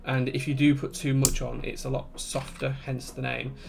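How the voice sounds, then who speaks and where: A man with a broad Yorkshire accent chatting casually as he hosts a livestream, relaxed and conversational. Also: medium pitch, moderate pace, creaky, background noise. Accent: broad Yorkshire English. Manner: relaxed, conversational, reading out chat comments. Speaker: livestream host and keyboard builder.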